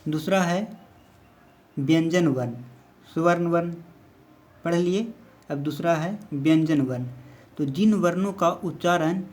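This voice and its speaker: A man's voice: a little high, a little slow, long pauses, a little mellow. A man teaching a basic grammar lesson, explaining step by step and counting letters aloud.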